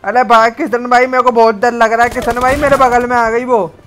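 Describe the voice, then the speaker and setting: A man's voice: very high voice, little pitch movement, fairly quick, a bit bright. A playful young man chatting while he plays a shooter game, teasing the other players. He is heard on a headset, with a faint hiss of noise behind him. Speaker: gamer. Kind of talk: casual gaming banter.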